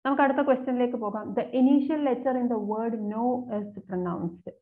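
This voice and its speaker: A woman exam coach, reading each question slowly and then explaining it quickly. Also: on the high side. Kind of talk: explaining exam questions, mixing Malayalam and English. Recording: phone-like narrow sound.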